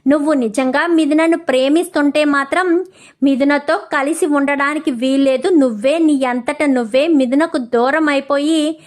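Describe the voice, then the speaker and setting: A woman's voice: high-pitched, steady tone, moderate pace, darkish tone, close to an everyday voice. A woman voicing an anguished young husband pleading and confessing his love.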